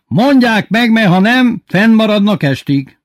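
A man's voice: high-pitched, lively intonation, no room sound, clean studio sound, voice pushed up. A man voicing a furious, pompous male school principal and party official who bellows and stumbles over his words. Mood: shouting, ranting.

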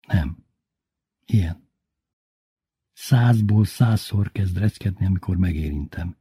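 A man's voice: sits low, dark tone, slightly rough, no room sound, studio quality. A man voicing a boisterous, drunk older man who swears crudely and makes pompous toasts. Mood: boastful.

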